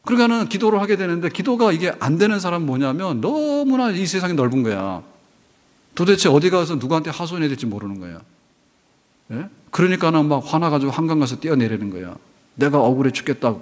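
Male pastor preaching, bouncy animated voice, chatty, asks the crowd stuff, big church reverb. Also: on the high side, quick pace. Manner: lively, conversational preaching with rhetorical questions to the congregation. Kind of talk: sermon. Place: church sanctuary.

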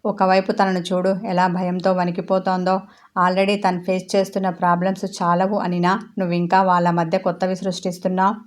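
A gentle young woman pleading for calm, read by a woman in her low, level narrating voice. She pushes her case quickly, without much lift in tone. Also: natural voice. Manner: pleading, calming.

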